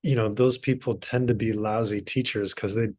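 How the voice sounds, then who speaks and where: A man leading a meditation group in casual talk, unhurried and thinking aloud with pauses. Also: lowish voice, fairly even intonation, darkish tone, dry recording. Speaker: meditation teacher.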